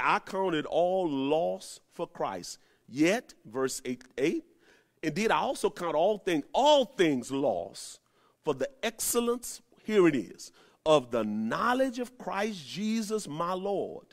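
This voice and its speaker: A man. His voice sits somewhat high and moves all over, rising into shouted peaks. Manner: preaching cadence, swells to shouts. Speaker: pastor. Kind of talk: sermon.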